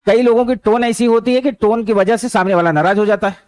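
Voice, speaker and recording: A man's voice: high voice, quick pace, a little mellow, smooth, no echo. A man teaching a motivational lesson, speaking conversationally and weaving in anecdotes and stray English words. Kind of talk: motivational lecture with storytelling.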